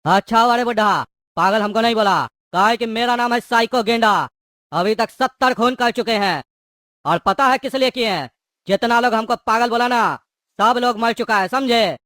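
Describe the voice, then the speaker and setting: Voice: medium pitch, normal speed, a bit bright, no room sound, studio quality, close to an everyday voice. A performer voicing a menacing male thug prisoner who bullies and mocks his cellmates. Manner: bullying, mocking, threatening. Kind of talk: cartoon voice acting.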